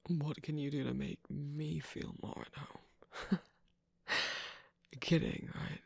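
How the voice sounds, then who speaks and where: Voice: medium pitch, fairly even intonation, takes it slowly, creaky, slightly rough, dry recording, exaggerated voice. Someone voicing Shadow Milk Cookie, sly whispering trickster. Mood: teasing. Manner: teasing, sarcastic, soft whispering with sudden laughs. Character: sly mocking male cookie trickster, manipulative. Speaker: ASMR roleplay performer. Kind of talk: ASMR roleplay.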